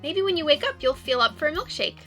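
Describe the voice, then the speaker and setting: Woman voicing a bright, high-pitched cheerful young woman. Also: sing-song, quick pace, faint music behind, exaggerated voice. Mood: encouraging. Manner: perky, encouraging.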